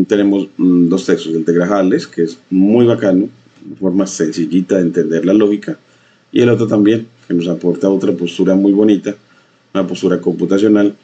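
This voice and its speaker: A man teaching a coding lesson, talking in a halting way with many fillers and repeated phrases. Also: deep voice, dark tone, slightly rough. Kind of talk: screen-share coding lesson. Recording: dull lo-fi mic.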